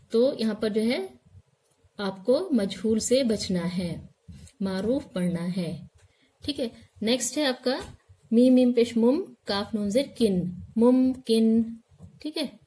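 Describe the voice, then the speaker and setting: Female recitation teacher, patient and repetitive, unhurried delivery, slightly high voice. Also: warm tone. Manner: patient, drills sounds slowly, repeats syllables; checks in with the listener often. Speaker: religious studies teacher. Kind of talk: recorded recitation lesson.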